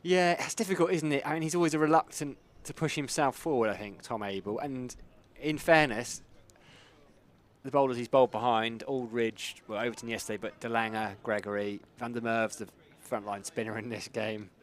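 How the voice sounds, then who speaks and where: A man with a medium-pitched voice commentates live on cricket. He is conversational and discursive, thinking aloud through his analysis of the play. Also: normal speed.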